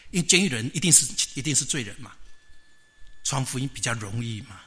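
A man preaching a sermon, telling a story in a lively way and often asking the listeners rhetorical questions. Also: mid-range voice, fast.

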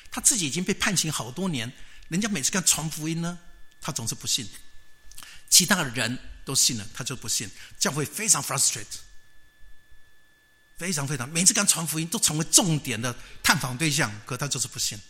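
A man preaching a sermon, telling a story in a lively way and often asking the listeners rhetorical questions. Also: medium pitch.

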